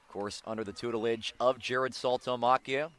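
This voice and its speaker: Live on the radio, an American man delivers baseball play-by-play in a medium-pitched voice at a brisk pace. Big plays bring out excited calls.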